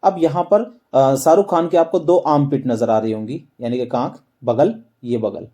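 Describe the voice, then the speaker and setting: Speaking at normal speed in a mid-range, dark voice, a man teaches a map lesson using memory tricks, repeatedly quizzing his listeners and answering each question himself.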